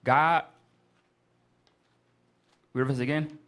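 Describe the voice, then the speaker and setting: Brief: male Bible class teacher, emphatic and repetitive, mid-pitched voice, keeps calling for verses to be read again. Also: steady tone, very slow, fairly bright tone. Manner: emphatic, repetitive, prompts the reader often. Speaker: teacher leading a scripture class. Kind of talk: street-corner style Bible class teaching.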